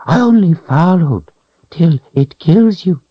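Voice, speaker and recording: In a storybook reading, a man gives a full character voice to a sly, grasping, cringing hairless creature that whimpers, hisses and pleads in broken speech. His delivery is animated and slow with a breathy edge and shrill, whining tone. The audio has no room sound and its highs are cut off.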